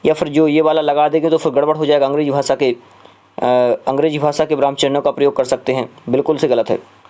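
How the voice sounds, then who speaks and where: A man teaching an exam prep lesson with a voice pitched a little above the usual for a man. He walks through each question step by step and repeats it back. He hesitates on drawn-out filler sounds between phrases. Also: little pitch movement, warm tone.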